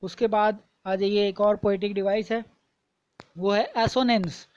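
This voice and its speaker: A woman teaching a lesson, explaining terms patiently, repeating points and reading examples slowly and deliberately. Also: medium pitch, fairly even intonation, a little mellow, poor audio.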